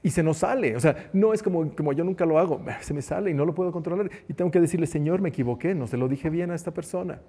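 Man, sermon, fairly high voice, mellow, conversational, acts out quotes. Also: quick pace, hardly any pauses, breathy edge. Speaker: preacher and teacher.

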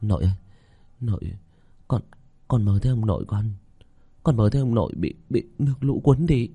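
Man voicing a jittery teen boy, stammery, slightly higher pitch, storybook reading. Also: fast talker, no room sound, lightly acted. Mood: whimpering. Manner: stammering, tearful. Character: anxious fifteen-year-old boy, whimpering.

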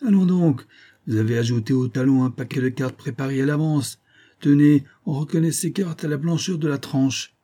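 A man's voice: medium pitch, steady tone, a little fast, mellow, voice pushed up, lightly acted. Man playing a commanding aristocratic duke. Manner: cool, accusing, authoritative.

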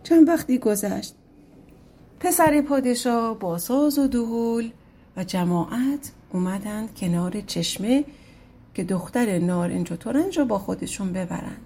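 A woman's voice: mid-range voice, animated, dark tone, husky. A woman narrating a folk tale audiobook in a casual, colloquial storytelling manner.

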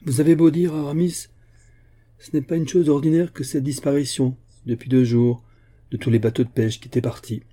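Blunt hearty old giant musketeer, man voicing him, loud and insistent, husky, dark. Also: mid-range voice, fairly even intonation, brisk, voice pushed up, lightly acted. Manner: loud, insistent, plain-spoken.

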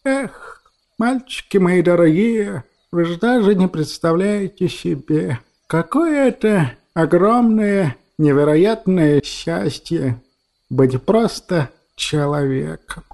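A soft, tender old woman, as a male storyteller puts her on, her voice raised a little and hushed. She talks fondly and tearfully in a mellow, warm tone, like a grandmother in a storybook. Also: a little high, slow pace. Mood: joyful. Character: old woman, emotional, gruff yet tender.

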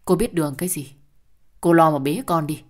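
A woman voicing a brutal, foul-mouthed husband who shouts insults in an audio story. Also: low voice, a little fast. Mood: angry shouting.

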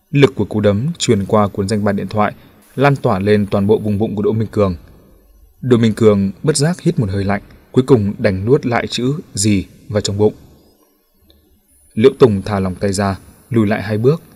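Guy reading a crime novel audiobook, low husky voice, steady. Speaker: audiobook narrator. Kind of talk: scripted novel narration.

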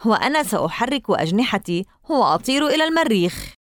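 A woman's voice: mid-range voice, lively intonation, a little fast, no room sound, studio quality, close to an everyday voice. A woman doing a sarcastic young boy. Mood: scoffing. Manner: sarcastic, dismissive. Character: scoffing, mocking boy of about twelve.

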